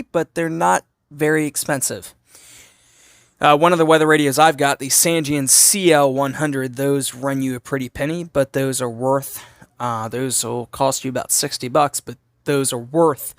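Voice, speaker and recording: Holding a phone camera as he shows off a gadget, a man gives an unscripted, hands-on review as a hobbyist, posing questions and then answering them himself. His voice is medium-pitched and a bit bright. The sound is clean and studio-like with no echo.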